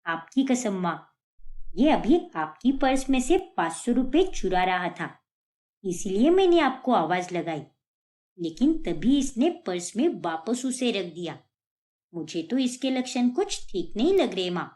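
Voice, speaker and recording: A woman's voice: medium pitch, big pitch swings, a little slow, darkish tone. A woman voicing an indignant young daughter in a cartoon, pleading and accusing. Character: young daughter, upset, accuses her brother. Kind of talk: cartoon voice acting.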